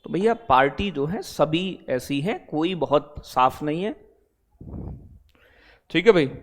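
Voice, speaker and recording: Male exam-prep teacher with a slightly high voice, casual and blunt, keeps asking the class if they follow. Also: animated, slow pace. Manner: addresses students as beta and bhai, repeats "theek hai bhai?"; digresses into blunt talk, then back to teaching. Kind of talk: live online class, chatty lecture.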